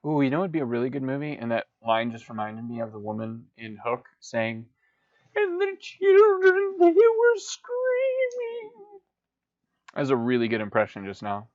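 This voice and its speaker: Talking fast with few pauses, a podcast co-host delivers joking, sarcastic movie commentary full of rambling asides. His mid-range voice stays steady, and the dull, lo-fi recording is dry, with no room sound.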